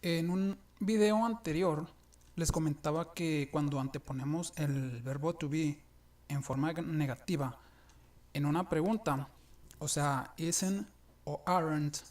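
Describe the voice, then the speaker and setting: A man teaching an English grammar lesson, explaining each example slowly and deliberately. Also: a little high, darkish tone. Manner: slow, deliberate explanations with frequent restarts.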